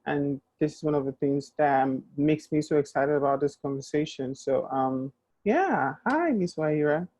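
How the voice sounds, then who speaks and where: A woman's voice: low-pitched, expressive, normal speed, a little mellow, no echo. A woman from Nigeria hosting a conversational interview, asking questions in a friendly, curious way with many ums. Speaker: host.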